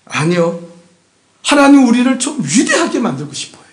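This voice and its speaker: A male pastor preaches a sermon in a high, lively voice that leaps up and down. He moves from loud exhortation to hushed asides and keeps prodding his flock with questions. The church room around him rings with echo. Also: normal speed. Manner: emphatic, keeps prodding the congregation with rhetorical questions. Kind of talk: Sunday sermon. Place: church sanctuary.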